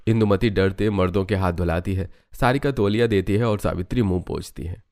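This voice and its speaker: A man narrating a cartoon story, low and even. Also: fairly quick. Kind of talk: scripted narration.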